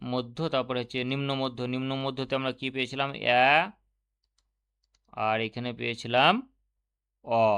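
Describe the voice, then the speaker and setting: In an online exam-prep lesson, a man teaches Bengali grammar for a teacher exam, explaining step by step and posing questions he then answers himself. His medium-pitched voice is slightly bright, clear and resonant.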